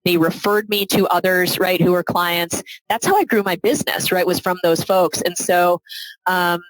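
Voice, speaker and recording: A woman's voice: fairly low pitch, fairly even intonation, normal speed, low-quality recording. A middle-aged woman speaking as a guest in a podcast interview, talking reflectively and often adding "right?" to her sentences. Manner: reflective, adds frequent "right?" tag questions. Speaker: guest, philanthropy advisor.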